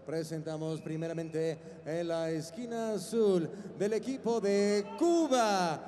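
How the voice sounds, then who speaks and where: A man's voice: sits high, animated, a little slow, mellow, faint music behind. An older man, announcing theatrically in Spanish like a lucha libre ring announcer, stretching out names on a handheld microphone. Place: large indoor boxing arena, in the ring. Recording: echoey arena PA with long reverb, faint noise.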